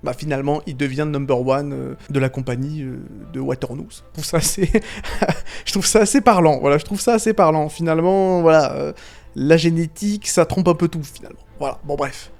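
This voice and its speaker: A man with a slightly raised pitch talks through animated films in a loose, rambling commentary. He leans on fillers and restarts, drops slang freely and chuckles between thoughts, with faint music playing underneath. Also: brisk, vocal fry. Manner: slangy and irreverent. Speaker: YouTube film commentator. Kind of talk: casual video commentary.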